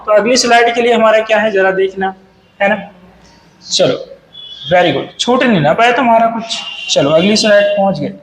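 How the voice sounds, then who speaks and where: A man's voice: sits high, normal speed. A young man teaching exam vocabulary, quizzing students in a sing-song way and mixing Hindi with English words. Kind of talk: exam-prep lesson going through slides. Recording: echoey room with faint noise.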